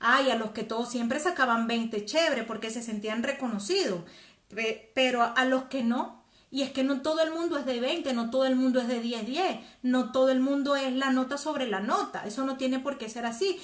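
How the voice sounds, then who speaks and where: A woman's voice: sits high, moderate pace, reverberant. A woman, hosting a live talk and coaching viewers directly. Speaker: host. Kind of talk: live-stream talk reading viewer comments.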